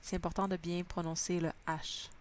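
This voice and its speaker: A woman's voice: fairly low pitch, flat delivery, moderate pace, a little hiss or hum. A woman teaching a language lesson, patiently spelling out sounds word by word. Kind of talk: slow spoken lesson.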